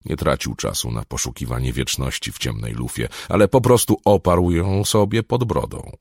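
A man's voice: a bass voice, fairly even intonation, normal speed, darkish tone, no room sound, studio quality. A man reading an audiobook aloud in a dramatic style, swelling on tense moments. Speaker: audiobook narrator. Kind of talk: scripted audiobook narration.

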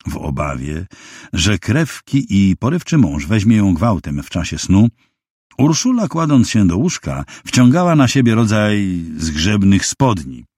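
Deep, husky male audiobook narrator. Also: no room sound, clean studio sound. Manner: measured storytelling with expressive intonation. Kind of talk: scripted literary narration.

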